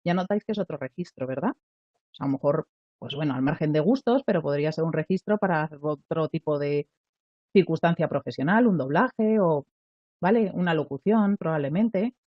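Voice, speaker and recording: A woman's voice: sits low, lively intonation, normal speed, no room sound, dull audio. A woman from teaching a live online voice lesson, explaining things step by step and often checking in with listeners. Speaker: voice coach.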